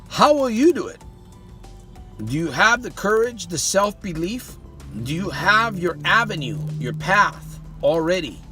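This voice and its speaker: A man with a fairly high, pushed, bright voice delivers a motivational monologue as a life coach. He peppers the listener with rhetorical questions and folksily calls them "my friend."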